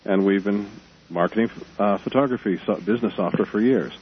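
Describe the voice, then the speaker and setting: Guy phoning into radio, talks really fast, casual and keen, muffled noisy line. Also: fairly low pitch. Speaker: radio call-in guest. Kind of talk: casual enthusiastic chat. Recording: muffled phone call, faint noise.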